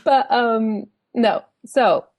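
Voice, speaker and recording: A woman's voice: fairly high pitch, drawn-out words, a little mellow, dry recording, clean studio sound. Giggly New York woman in her thirties. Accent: New York American. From United States, New York. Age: 30s. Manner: giggly, chatty, laughs often. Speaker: guest. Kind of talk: casual podcast interview.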